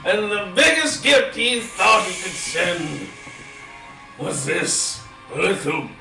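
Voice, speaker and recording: A man voicing a creepy, boisterous male dragon rider whose loud voice is magically amplified, gloating slowly at a tabletop game. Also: very animated, gravelly, reverberant, far from the mic, soft background music, exaggerated voice, rough recording. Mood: mocking. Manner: loud, slow, gloating, theatrical. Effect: magically amplified booming voice. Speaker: game master.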